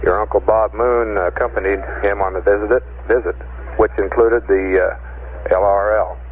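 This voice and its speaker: A man's voice: lowish voice, fairly even intonation, normal speed. A man at mission control reading news briefs to astronauts over a crackling space radio link, matter-of-fact and dotted with uh fillers. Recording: tinny, hissy archival radio transmission.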